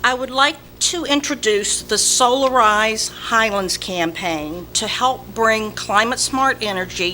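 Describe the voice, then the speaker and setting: Southern lady w a slow drawl reading an announcement at a town meeting, bright voice, bit of noise. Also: medium pitch. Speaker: volunteer community representative at a village meeting. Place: indoor village board meeting. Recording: noisy public meeting room recording.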